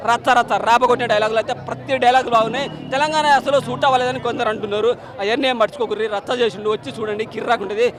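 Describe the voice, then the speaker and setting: A man, giving an energetic street review of a film outside a theatre. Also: very high voice. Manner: energetic, rapid, addresses the director directly.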